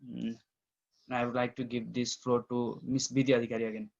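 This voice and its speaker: A man with a Nepali accent giving an informal welcome speech as a campus director, with halting, hesitant phrasing. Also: mid-range voice, completely flat delivery, vocal fry, darkish tone. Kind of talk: informal speech in an online event. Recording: dull, lo-fi online call audio.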